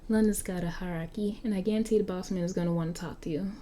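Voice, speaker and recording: While reading an interactive story aloud, a woman with a Southern US accent voices a cocky vampire, a century-old street kid stuck looking nineteen. She sounds flippant, chatty and slangy in a lowish, steady, mellow, natural voice at a quick pace, with slight background noise.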